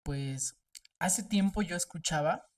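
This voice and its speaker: A woman hosting an interview, asking her questions in a gentle, hesitant way. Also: fairly low pitch, slow pace, far from the mic. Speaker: interviewer host. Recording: voice heard from off the mic.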